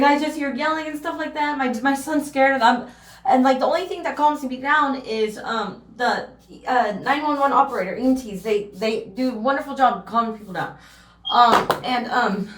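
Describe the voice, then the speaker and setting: A woman's voice: high voice, reverberant. A woman vlogger telling a personal story to the camera in a rambling, emotional way.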